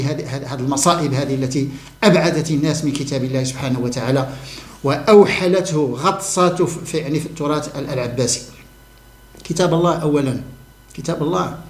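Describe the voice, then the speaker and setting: Fast-talking man, emphatic. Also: mid-range voice, reverberant. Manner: emphatic, repeats key words for stress. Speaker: religious commentator. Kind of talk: monologue to camera on the Quran.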